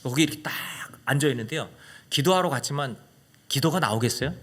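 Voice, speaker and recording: Lively husky-voiced male pastor preaching. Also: medium pitch, quick pace. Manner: animated, swings between loud exclamations and hushed whispers; asks the congregation questions. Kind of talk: sermon with dramatic personal storytelling.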